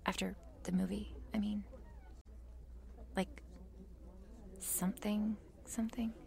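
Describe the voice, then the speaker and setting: A woman voicing a shy, meek cheerleader with a crush in an ASMR role-play, nervous and halting, in a soft breathy voice. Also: medium pitch, a little hiss or hum. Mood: nervous, flustered. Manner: meek, nervous, halting, self-deprecating and apologetic.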